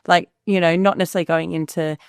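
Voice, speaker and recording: Chatty woman, slightly gravelly. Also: lowish voice, steady tone, fast talker, no echo, clean studio sound. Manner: chatty, acts out quoted dialogue, frequent fillers. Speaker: podcast guest, business founder. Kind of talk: candid conversational storytelling.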